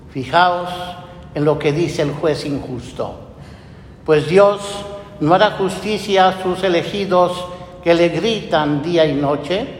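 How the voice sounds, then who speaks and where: A man of the cloth speaks unhurriedly and with sincerity, using rhetorical questions as he gives a post-Gospel homily. Low rumbling and heavy echo from the church hall color the sound.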